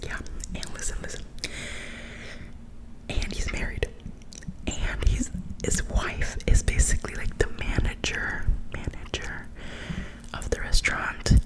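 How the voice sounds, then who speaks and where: A woman's voice: measured pace, pauses often, poor audio. Whispering young woman telling gossipy ASMR stories. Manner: gossipy, chatty and casual, full of slang; animated, dramatic retelling with quoted reactions. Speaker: ASMR storyteller.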